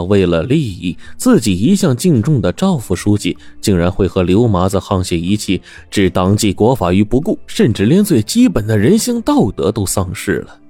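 A man with a very low voice tells a dramatic story, acting out the lines of each character. Faint music plays under his voice. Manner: expressive, acting out the dialogue.

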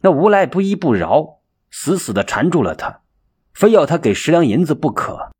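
A man narrating a folk tale as an expressive, dramatic storyteller. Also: a little high, moderate pace, breathy edge. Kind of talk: audiobook storytelling.

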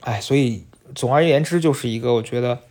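A man's voice: mid-range voice, fairly quick, a little mellow. A young man hosting a podcast, telling a personal story in a chatty, confiding way and speaking straight to his listeners. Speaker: podcast host. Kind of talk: casual storytelling monologue.

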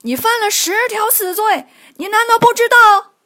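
Woman voicing a male ruler, sly, mocking, very high-pitched. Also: moderate pace, sharp tone. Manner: mocking, shrill and exaggerated.

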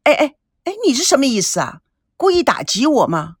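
A flustered, sharp-tongued young woman, as a narrator plays her in a storybook, quick to scold and snap back. Her pitch leaps high and low, and the recording is dry and close. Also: very animated, slightly rough, no echo, full character voice.

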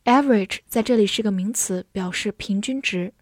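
A woman teaching English vocabulary in a clear, patient way, spelling words out and reading example sentences slowly. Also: medium pitch, dry recording, clean studio sound. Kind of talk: vocabulary lesson.

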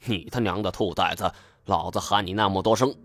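A man voicing a coarse, bad-tempered rural husband who talks gruffly and swears. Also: low-pitched, brisk, a bit bright, no room sound. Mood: angry.

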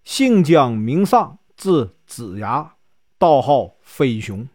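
A man with a Northeastern Mandarin accent voicing a calm, unhurried old male sage in a told folk story. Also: no room sound, studio quality. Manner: slow, measured, low delivery.

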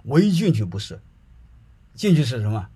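A middle-aged man with a deeply husky, rough voice tells anecdotes in a loose, colloquial way. He keeps checking that his listeners are following along. His pitch sits at an ordinary middle height for a man. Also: very animated, normal speed, warm tone. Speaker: speaker telling anecdotes. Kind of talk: casual storytelling to an audience.

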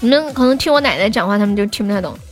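A woman's voice: medium pitch, lively intonation, racing, faint music behind. A playful young woman from Sichuan chatting on a livestream while gaming, giggling and letting out yelps and shrieks. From Sichuan, China.

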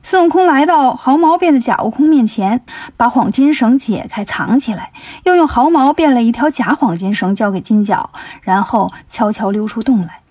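A woman narrating a children's story in a lively, playful way, voicing each character in turn. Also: on the high side, moderate pace, hardly any pauses, breathy edge, no room sound.

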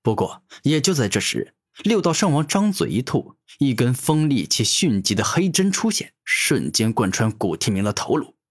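A man narrating a fantasy audiobook in an animated storytelling manner. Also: medium pitch, normal speed, hardly any pauses.

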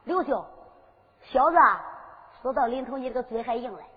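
A woman's voice: fairly high pitch, animated, moderate pace, slightly rough, big-room sound, phone-quality sound, pitched below the performer's own voice. A woman with a Henan accent voicing an arrogant male general who scornfully mocks his prisoner in a folk storytelling performance. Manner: scornful, boastful.

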